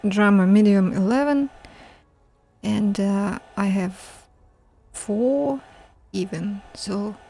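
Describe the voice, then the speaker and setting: Woman, streamer, live game playthrough, chatty musing asides, slow pace. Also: mid-range voice, gravelly, dark tone, breathy edge.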